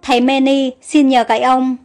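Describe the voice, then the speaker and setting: A woman voicing a kind young noblewoman who gives gentle but brisk orders in a storybook. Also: high-pitched, little pitch movement, faint music behind. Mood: kindly brisk.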